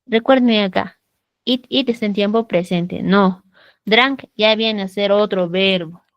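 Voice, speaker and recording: A woman's voice: mid-range voice, unhurried, dry recording, lo-fi sound. A woman teaching an English grammar class online in Peruvian Spanish, patiently checking understanding with frequent tag questions. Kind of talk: online class over video call. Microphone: computer mic on a video call.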